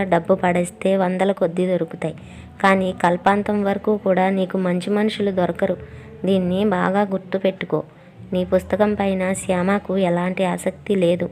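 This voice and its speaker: A woman voicing a gentle but firm old male saint, speaking in slow, measured admonishments. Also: mid-range voice, level tone, a little hiss or hum, natural voice. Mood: gently scolding.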